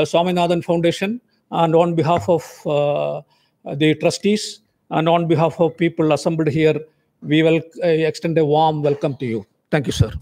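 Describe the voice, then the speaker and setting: A man with an Indian accent giving a welcome speech as event host, in a halting way that often repeats words. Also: on the high side, vocal fry, darkish tone. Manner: halting, repetitive. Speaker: event host introducing guest.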